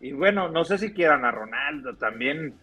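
A man's voice: medium pitch, animated, normal speed. A man, co-hosting a casual sports chat with blunt, salty remarks. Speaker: podcast co-host. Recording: slightly dull sound, faint music behind.

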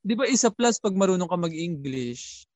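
A man co-hosts a casual podcast chat and mostly chimes in with short agreements. His voice is high and lively, swinging widely in pitch, and it sounds dry and close to the mic. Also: normal speed, no room sound. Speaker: podcast co-host.

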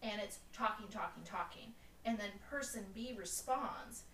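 A woman's voice: medium pitch, fairly bright tone. Woman nurse, wry and chatty, roomy sound, distant mic, faint background hum. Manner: chatty, wry, quick to laugh. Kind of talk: casual podcast chat.

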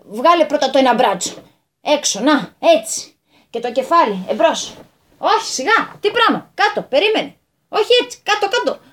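A woman's voice: sits high, big pitch swings, fairly bright tone. A woman voicing a hot-tempered, bossy male landowner who talks in a flustered rush in a radio story. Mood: exasperated.

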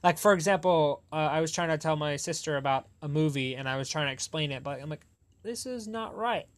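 A man's voice: fairly high pitch, level tone, fast talker. A young man hosting a podcast in casual chat, rambling and correcting himself as he talks. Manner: rambling, self-correcting, laughs often. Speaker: podcast host.

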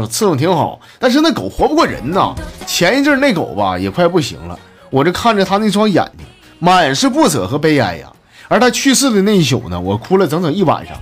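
A young man hosts a comedy show in a thick Northeastern Mandarin accent, joking his way through listener stories. His voice sits a little high and leaps all over in pitch. Faint music plays softly behind him. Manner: joking, chatty, animated storytelling with dialect slang. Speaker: radio comedy host reading listener messages. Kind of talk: comic storytelling.

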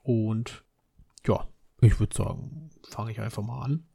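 A podcast host in his thirties from Berlin, Germany, chats casually on his solo show while he has a cold, relaxed and rambling with many fillers and restarts. His lowish voice is husky and unhurried, with vocal fry.

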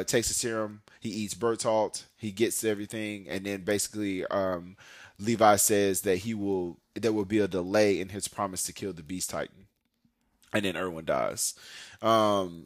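Rambling low-voiced man hosting anime talk. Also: no echo, clean studio sound. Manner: rambling, filler-heavy, self-correcting. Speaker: podcast host. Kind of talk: casual anime talk monologue.

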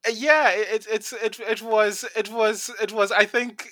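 A middle-aged man from Ghana, a venture investor and podcast guest, telling his life story with thoughtful pauses and repeated words as he starts sentences. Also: sits high, steady tone, pushed and bright, no room sound. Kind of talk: conversational interview storytelling.

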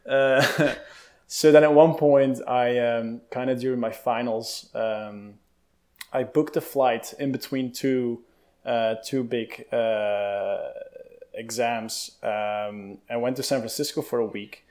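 A young man from Belgium, a guest in an interview, telling his story in a lively, casual way with many fillers. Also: mid-range voice, takes it slowly.

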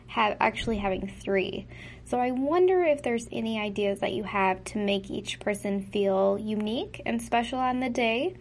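Lady's voice message played on the show, gravelly creaky tone, bit of faint noise behind. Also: medium pitch. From United States. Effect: recorded voice message played back on the show. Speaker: listener sending in a question. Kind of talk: casual voice message asking for advice.

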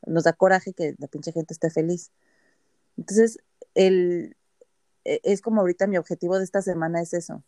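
A woman's voice: on the low side, steady tone, moderate pace, dark tone, dry recording. A Mexican woman co-hosting a podcast, chatting casually and telling stories animatedly, full of slang and swearing. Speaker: podcast co-host. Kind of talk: casual chat.

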